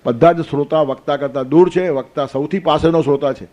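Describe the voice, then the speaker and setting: A man's voice: on the high side, brisk, a little mellow. A man giving a discourse on a sacred text, explaining with homely stories and counting aloud. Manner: storytelling with counting and playful asides. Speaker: spiritual teacher. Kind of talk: Gita discourse.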